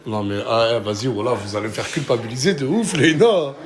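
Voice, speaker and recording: A man's voice: mid-range voice, fairly quick. A man hosting a casual vlog, chatting in French suburban street slang. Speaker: host of the vlog. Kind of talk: casual spoken vlog chat. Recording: crowd chatter behind.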